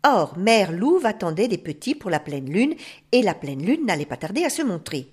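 A woman storyteller reading tales aloud in an expressive, lively way. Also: medium pitch, moderate pace.

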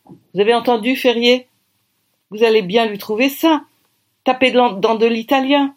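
Woman doing a brisk bossy costume chief. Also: a little high, fairly even intonation, voice pushed up, close to an everyday voice. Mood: commanding. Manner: curt, commanding.

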